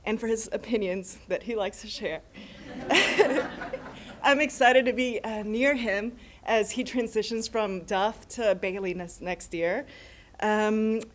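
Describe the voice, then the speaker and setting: A woman's voice: medium pitch, fairly even intonation, unhurried, slight background noise. A middle-aged American woman giving an informal, conversational thank-you speech as a new assistant principal, a little hesitant. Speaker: newly appointed assistant principal.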